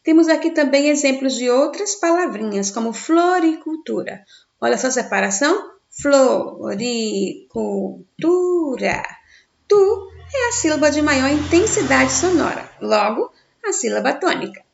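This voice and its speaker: A woman teacher giving a recorded grammar lesson for children in Brazilian Portuguese, sounding out stressed syllables slowly and answering her own questions. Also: high-pitched, big pitch swings, creaky. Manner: slow, stressed syllables when sounding out words; asks the class questions and answers them herself. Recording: dull, echoey room.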